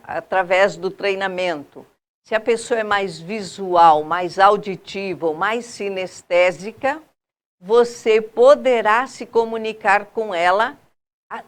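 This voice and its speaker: Uma mulher convidada de um programa de TV, respondendo a uma pergunta com explicações calmas e didáticas, enumerando dicas. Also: female voice, medium pitch. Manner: slow, explanatory, lists tips with pauses. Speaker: guest expert on neuro-linguistic programming. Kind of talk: TV health show answer.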